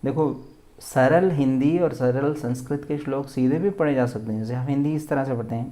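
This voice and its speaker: A man teaching a recitation lesson, explaining patiently and then chanting syllables slowly and drawn out, often checking that the listener follows. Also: medium pitch, mellow. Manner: keeps asking for agreement.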